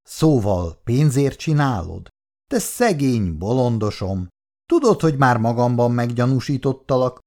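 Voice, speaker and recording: An actor as a grumbling retired old husband. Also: male voice, mid-range voice, animated, darkish tone, close to an everyday voice. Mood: scolding. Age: older. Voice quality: muttering. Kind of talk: 1960s radio drama acting.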